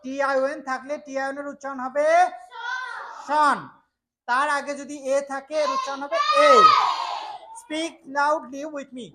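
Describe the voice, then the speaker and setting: A woman teacher leading a classroom pronunciation drill, calling out words loudly for students to repeat. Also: sits high, steady tone, normal speed, a little hiss or hum, low-quality recording. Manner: leads call-and-response, loud and emphatic. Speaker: English teacher.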